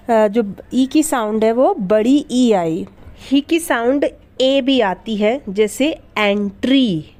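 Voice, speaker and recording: Woman, teacher, phonics lesson, slow pace, fairly high voice, spells words out, asks and answers her own questions. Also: darkish tone. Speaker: English teacher.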